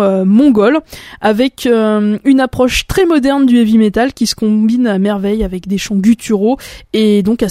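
A woman's voice: fairly high pitch, dark tone, no room sound, studio quality. A woman hosting a radio music show, chatting about new albums with frequent hesitations. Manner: chatty, hesitant with many fillers. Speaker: radio host. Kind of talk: casual radio music presentation.

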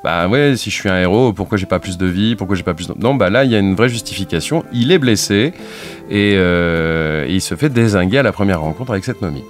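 A low-voiced man hosts a casual chat about video games in French. He talks loosely and hesitates often, with filler sounds and restarts, while faint music plays underneath. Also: expressive, fairly quick. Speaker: radio show host.

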